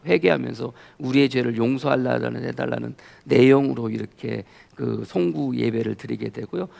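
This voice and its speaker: Gravelly-voiced male pastor preaching. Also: medium pitch. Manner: storytelling, grows animated and loud when retelling. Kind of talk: sermon.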